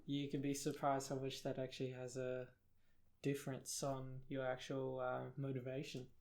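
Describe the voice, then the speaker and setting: A young adult man from South Africa, speaking with a British accent, co-hosts a casual podcast chat, rambling and self-deprecating with many fillers. His mid-range voice has a completely flat delivery at normal speed and a darkish tone.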